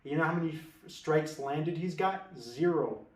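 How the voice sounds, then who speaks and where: A man working as an MMA betting tipster offers casual, confident fight picks in a voice on the high side, a little slow and a little mellow. His delivery rambles with many restarts and fillers, and he's recorded away from the mic in an echoey room.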